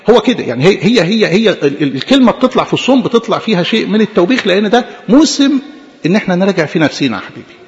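Animated Egyptian priest preaching, echoey church. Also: male voice, high voice, highs cut off. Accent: Egyptian Arabic. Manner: animated, acts out quick imagined dialogues, repeats words for emphasis. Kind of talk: sermon.

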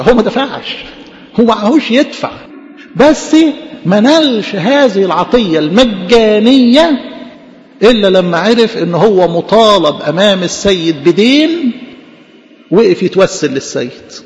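A man preaching with an Egyptian Arabic accent, his voice pitched high and his delivery quick. He keeps posing questions and answering them himself, like a lively chat with the congregation. The sound rings with a long hall reverb and is slightly dull. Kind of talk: sermon.

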